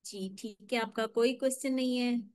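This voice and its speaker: A woman teaching tajweed in an online lesson, explaining patiently step by step and modelling slow, drawn-out recitation. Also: fairly high pitch, fairly even intonation, a little mellow.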